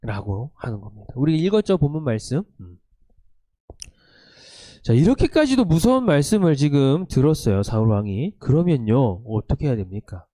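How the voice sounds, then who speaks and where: A man giving a sermon to a youth group, telling a story in an animated way and acting out the quoted lines. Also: medium pitch, moderate pace, dry recording, clean studio sound. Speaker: youth pastor. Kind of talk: sermon to teenagers. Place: church, online service.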